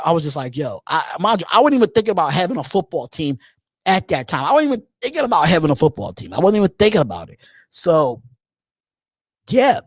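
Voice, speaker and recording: He's in his thirties, running a live call-in show by himself in a relaxed way, with repeated phrases and long, drawn-out ums as he goes through chat comments. The voice is a little high and the recording is dry.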